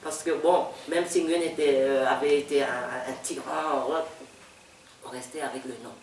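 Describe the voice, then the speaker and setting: An older woman from Vietnam speaking with a Vietnamese accent, a novelist reminiscing in an interview, halting and repeating words with frequent laughter. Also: extremely low pitch, fairly even intonation, darkish tone, far from the mic, slight background noise. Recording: echoey room, speaker off-mic.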